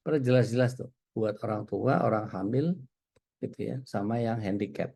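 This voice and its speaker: A man from Indonesia giving a relaxed, conversational religious lecture, telling stories and often pausing with small hesitations. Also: on the low side, creaky. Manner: relaxed, storytelling, frequent hesitations. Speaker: Islamic preacher.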